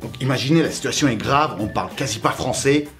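A man's voice: mid-range voice, fast, a bit bright, faint music behind. A young man from Russia with a Russian accent, telling a joking personal story on his vlog with slangy asides. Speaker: YouTuber.

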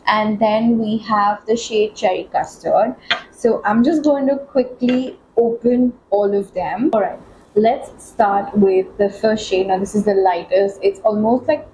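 A woman talking through a makeup tutorial as a beauty vlogger, chatty and excitable, with many fillers. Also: mid-range voice, a little hiss or hum, rough recording. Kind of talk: casual makeup tutorial chat.

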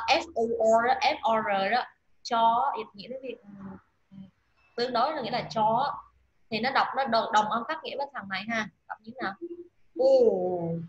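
A woman teaching pronunciation, drilling words aloud and repeating each one slowly. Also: a little high, highs cut off. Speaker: English teacher. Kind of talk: pronunciation lesson.

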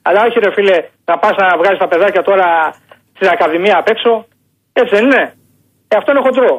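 A Greek man calling in to a sports radio show over the phone, insistent and repetitive as he argues his point. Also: high voice. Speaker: caller. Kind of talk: call-in radio debate. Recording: phone line.

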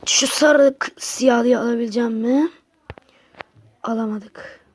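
A woman's voice: a little high, a little slow. A woman giving casual gameplay commentary to her viewers, grumbling and exasperated as she plays. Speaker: gaming channel host.

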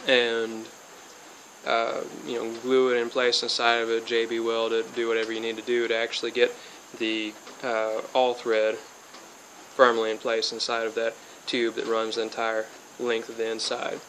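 Outdoors by a car, then sheltering under a metal-roofed shed, a young DIY hobbyist gives a rambling, casual how-to. He's in his twenties and a little spacey from illness, speaking flatly in a mid-range voice at normal speed with many fillers and restarts. There's slight background noise and low recording quality.

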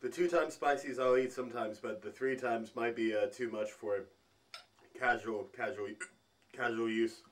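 A man vlogging as he tastes food, talking in halting bits while he thinks aloud between bites. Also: mid-range voice, steady tone. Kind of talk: food tasting vlog.

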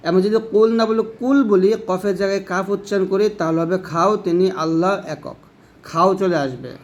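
High-voiced man teaching recitation. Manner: chants Arabic phrases slowly, then explains plainly. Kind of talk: Bengali lesson on Arabic pronunciation. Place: home.

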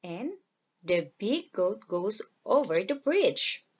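A woman slowly and clearly reading a simple children's story aloud as a storyteller. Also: mid-range voice, very animated, dull audio. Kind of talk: slow storybook reading for learners.

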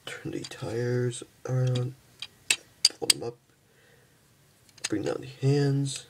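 A young man casually reviewing and transforming a toy figure, halting and stumbling over his words, tired from just waking up. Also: mid-range voice, background noise. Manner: halting, stumbles and restarts often.

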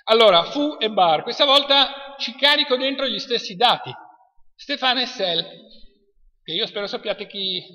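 Bright Italian lecturer in a hall. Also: male voice, very high voice, expressive, moderate pace. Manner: chatty, asks the class questions. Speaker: university lecturer. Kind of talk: classroom lecture. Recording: dull lo-fi sound in a reverberant hall.

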